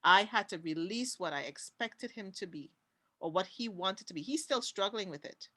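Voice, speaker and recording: A woman with a Trinidadian accent speaks with passion on a conference panel over a video call, repeating key words for emphasis. Her mid-range voice has lively intonation, a sharp tone, and a moderate pace.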